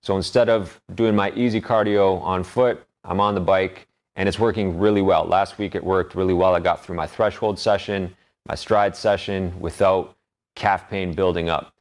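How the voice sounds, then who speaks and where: A man's voice: sits low, steady tone, moderate pace. A man talking through his training in an explanatory vlog monologue. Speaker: vlogger documenting 10k race training.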